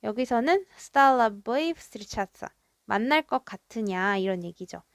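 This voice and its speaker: A woman teaching a language from a drama script, reading each foreign line slowly and carefully before explaining it. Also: on the high side, lively intonation, no room sound, clean studio sound. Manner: reads foreign lines slowly and carefully, then translates.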